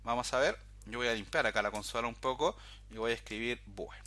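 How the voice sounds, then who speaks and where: A programming instructor narrates a screen-recorded coding tutorial, explaining each step and often saying "fíjate" to point out details. His medium-pitched voice is fairly quick and sharp, and the recording is dry.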